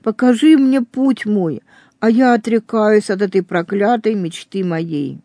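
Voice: mid-range voice, measured pace, mellow, dry recording, studio quality, lightly acted. A reader voicing a young man shaken by a nightmare and anguished over a crime he is planning, in a storybook reading. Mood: horrified. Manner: anguished, pleading with God.

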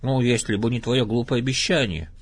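A man's voice: on the high side, expressive, a little fast, husky, no room sound, voice pushed up. Brief: man playing a cranky, sniping storybook rabbit. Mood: grumpy. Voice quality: grumbling, venomous. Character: grumpy fussy male rabbit.

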